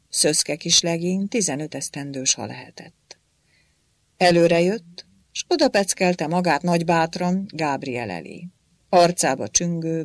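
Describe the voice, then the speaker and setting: Expressive audiobook narrator, gravelly voice. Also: mid-range voice, dry recording. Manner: expressive storytelling read. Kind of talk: scripted narration.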